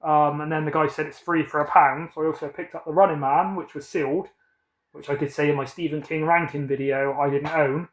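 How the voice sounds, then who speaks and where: In a rough, roomy recording, a British man in his thirties casually goes over his film collection, upbeat and rambling with frequent self-corrections. His voice is on the high side, steady in tone and a little fast.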